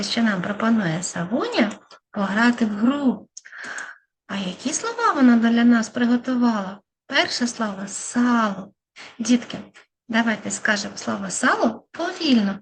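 Slow, lively woman teaching small children. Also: on the high side, slight background noise. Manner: slow, syllable-by-syllable, encouraging teacher talk. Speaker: speech therapist teaching children. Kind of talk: children's lesson narration.

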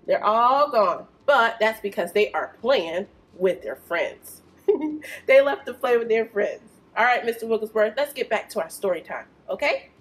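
Hosting preschool storytime at a library, a young woman reads a picture book and chats to small children in an encouraging, sing-song way. Her slightly rough voice is a little high, with lively intonation and a measured pace.

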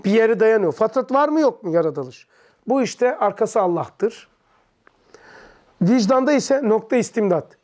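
A man teaching a religious text to a small group, asking quick questions, answering them himself and explaining terms in plain words. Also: sits high, expressive, darkish tone. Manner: leans back in an armchair while teaching.

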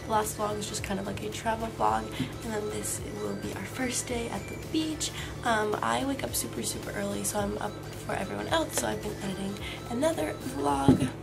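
A woman's voice: medium pitch, brisk, vocal fry, rough recording. A teenage girl chatting casually in a travel vlog, upbeat and full of "super" and "so cute", filmed on a camera held at arm's length. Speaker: vlogger. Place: beach house kitchen, indoors. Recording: pop music playing under the voice.

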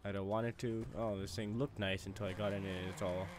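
Low-voiced sarcastic male gamer. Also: level tone, brisk. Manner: sarcastic, goofy asides. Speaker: game walkthrough host. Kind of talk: casual gameplay commentary. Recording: faint game noise behind.

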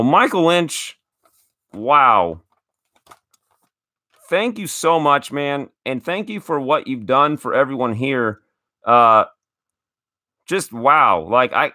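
A man in his thirties hosts a casual card-opening chat, gushing with thanks and tripping over his words as he restarts sentences. His voice is bright and forward. The sound is dry and close, with no room echo. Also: medium pitch, animated, a little slow. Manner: enthusiastic, grateful, stammering restarts. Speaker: card collecting show host.

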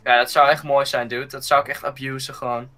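A man's voice: medium pitch, a little fast, crowd noise. A young man with a Dutch accent chatting casually and jokily while gaming, switching between Dutch and English and swearing freely. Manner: jokey, excitable, swearing. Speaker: gamer.

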